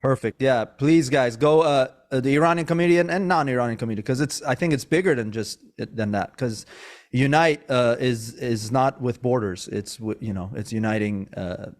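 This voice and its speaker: This podcast host, born in Iran and raised in Maryland, is interviewing someone in Sacramento, California. He talks casually and rambles, full of fillers and restarts, in a medium-pitched voice at a normal speed.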